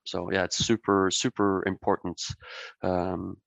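A man from Norway, a brewery guest in a podcast interview, speaking haltingly with many fillers and restarts. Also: low voice, little pitch movement, creaky, a bit bright, no echo, highs cut off.

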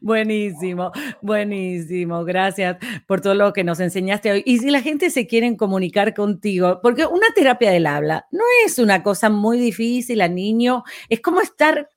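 A woman talk show host from Argentina with a middle-pitched voice. She is encouraging and repeats her words of praise as she leads the interview. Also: lively intonation, normal speed, hardly any pauses. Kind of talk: hosting an interview.

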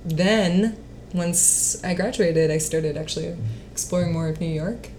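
A woman's voice: lowish voice, measured pace, mellow, a little hiss or hum. Chatty laughing woman in her late twenties. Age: late 20s. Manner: chatty, laughs often, many fillers. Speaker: guest singer-songwriter and actress. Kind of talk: casual interview chat.

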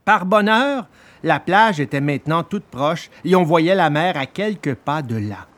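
A man narrates a children's tale in an expressive, dramatic manner. His voice sits a little high and swings widely in pitch. He takes his time, with an unhurried pace. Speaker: storybook narrator. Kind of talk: scripted storybook narration.

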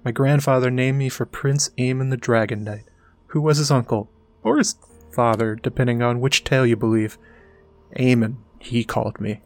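A man reads out a blind, ancient maester worn down by long years, speaking in a slow, grave and sorrowful way. The voice sits at an ordinary middle pitch, and soft music plays faintly underneath. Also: fairly even intonation, natural voice. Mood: solemn. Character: ancient blind frail old male maester, weary.

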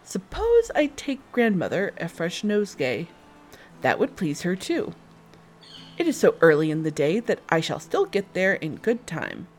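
A woman voicing an innocent, cheerful little girl with a high, eager voice. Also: huge pitch swings, unhurried, faint music behind, full character voice. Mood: musing.

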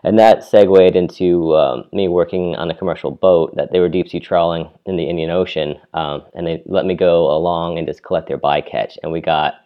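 A man, a shark researcher, answering interview questions in a relaxed way with many fillers. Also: low voice, a little fast, hardly any pauses, clean tone, dull audio. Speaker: deep-sea shark researcher.

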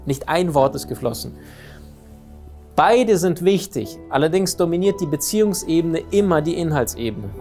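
A man giving a lively motivational talk on relationships, often asking his listeners questions. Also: on the high side, normal speed, soft background music. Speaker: speaker on communication and relationships.

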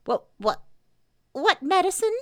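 A woman's voice: very high voice, big pitch swings, normal speed, a bit bright, voice pushed up, heavily acted. A woman voicing a small, timid male piglet who stammers anxiously and squeals indignant protests in a children's storybook. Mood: anxious pleading.

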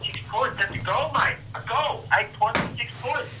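A man's voice: very high-pitched, moderate pace, pitched above the performer's own voice. A man voicing a rowdy, tipsy, middle-aged football fan calling a radio show, with an Australian accent, slurring and repeating "mate". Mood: excited. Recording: noisy phone line.

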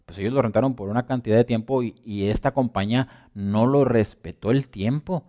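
A man preaching a sermon in a conversational way, often asking listeners whether they follow, and swinging between loud emphasis and quiet asides. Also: mid-range voice, fairly quick. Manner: conversational, asks listeners for agreement.

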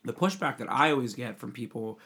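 A man's voice: mid-range voice, lively intonation, a little fast, bright, forceful tone, breathy edge. A man co-hosting a podcast in casual chat, rambling and chatty with frequent restarts. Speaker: podcast co-host.

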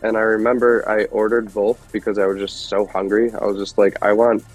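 A Detroit man in his thirties, appearing as a guest musician, rambles casually through stories packed with fillers. His lowish voice barely moves in pitch and runs a little fast, over soft background music in a rough recording.

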